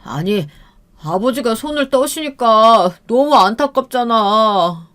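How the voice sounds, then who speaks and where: Woman playing a weepy drunk husband, slow whiny drawl, audio story. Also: fairly high pitch, close to an everyday voice.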